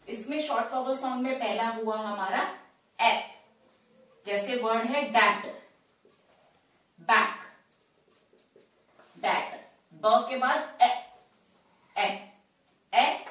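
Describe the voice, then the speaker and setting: A woman teaching shorthand in a slow, step-by-step tutorial, repeating each sound and word carefully. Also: on the high side, fairly bright tone, far from the mic. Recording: very echoey room, voice off-mic.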